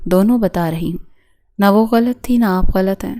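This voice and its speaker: A woman's voice: mid-range voice, mellow, lightly acted. A woman reading the lines of a tender, heartbroken young heroine in earnest, pleading tones.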